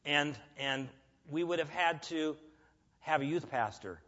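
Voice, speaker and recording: A man's voice: a little high, fairly bright tone. Earnest man preaching in an echoey church. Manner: earnest, emphatic, storytelling with pauses. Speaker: lay preacher. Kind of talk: sermon with personal story. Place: church sanctuary. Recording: echoey church hall, dull lo-fi.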